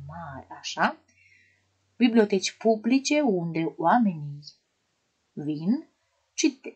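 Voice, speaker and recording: A woman teacher addresses young children in an online lesson, her voice low and a little husky. She talks in a gentle, sing-song way, swooping up and down as she asks questions and explains. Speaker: primary school teacher.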